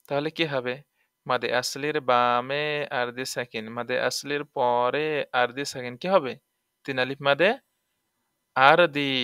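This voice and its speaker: A man's voice: medium pitch, bright, forceful tone, smooth, no room sound, clean studio sound. A man teaching tajweed. He spells words out letter by letter, stretches the vowels when he recites, and keeps asking the listener questions.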